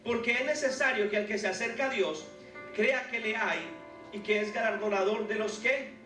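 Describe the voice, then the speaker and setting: A man's voice: sits high, steady tone, moderate pace, sharp tone. A man preaching a fervent sermon as pastor, exhorting the congregation to have faith. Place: large church hall. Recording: echoey hall, distant mic, music behind.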